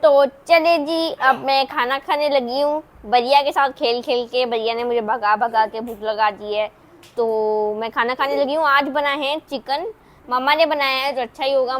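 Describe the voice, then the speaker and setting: A woman vlogging casually, coaxing and teaching in a playful manner like a teacher. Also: on the high side. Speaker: family vlogger. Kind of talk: casual vlog.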